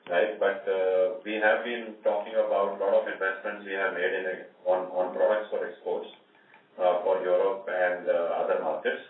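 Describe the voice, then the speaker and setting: A man, on the low side in pitch, speaks as an executive on a conference call. He answers steadily and fills his pauses often. He sounds distant, through a thin phone line in a strongly echoing room. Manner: measured, many fillers, repeats "see" and "right?". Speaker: company executive answering analysts.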